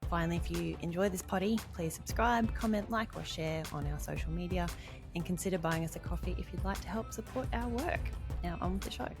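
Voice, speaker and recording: A woman's voice: fairly low pitch, a little fast, music in the background. A woman co-hosting a podcast, reading introductions in a friendly scripted way. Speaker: podcast co-host.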